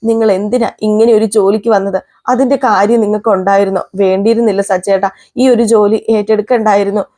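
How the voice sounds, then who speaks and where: A woman's voice: medium pitch, steady tone, quick pace, dark tone, natural voice. A woman voicing Revathi, a tender young wife who pleads tearfully and emotionally with her husband. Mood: pleading.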